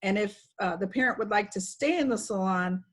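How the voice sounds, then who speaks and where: A woman trainer with a medium-pitched voice leads staff through an informal, instructive walkthrough on a screen-sharing video call. She talks fairly quickly and keeps a conversational tone.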